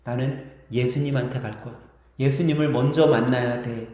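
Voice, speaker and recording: A man's voice: fairly even intonation, normal speed, lightly acted. A man voicing a tearful grateful healed leper. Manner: soft, low, choked confession. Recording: echoey church hall.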